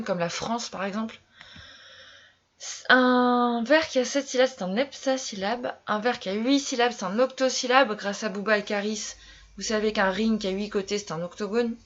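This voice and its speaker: A woman's voice: a little high, dull audio. A woman teacher giving a classroom lesson, repeating key terms and quizzing her pupils as she explains. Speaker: French literature teacher.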